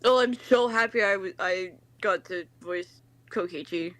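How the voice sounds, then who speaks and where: A woman streaming a game with friends, chatting casually, gushing excitedly and swearing freely. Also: medium pitch, a little slow, no echo. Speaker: streamer voicing game characters.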